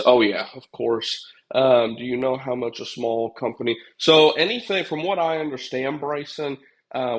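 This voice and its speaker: Poor audio carries the medium-pitched voice of a young man who hosts a casual livestream and runs a pest control business. Sounding congested, he rambles, uses lots of fillers, and speaks straight to his chat viewers.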